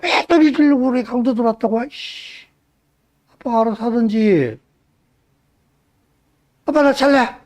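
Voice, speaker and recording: Grumpy sleepy teen girl, whiny, muttering curses, pitched up high, as a preacher puts her on. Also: animated, measured pace, long pauses, darkish tone. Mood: annoyed. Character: sulky sleepy teenage daughter.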